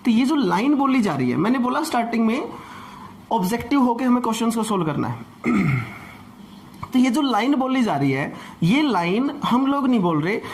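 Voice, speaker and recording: Guy teaching english grammar to a class, goes over stuff again and again, asks questions then answers them himself, bit of faint noise behind. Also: very high voice. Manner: patient, repetitive explaining with rhetorical questions.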